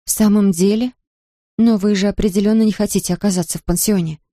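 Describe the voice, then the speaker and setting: A woman voicing a kind, tired young nanny who talks to children gently and patiently. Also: medium pitch, fairly even intonation, fast talker, dry recording, studio quality, lightly acted. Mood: gentle.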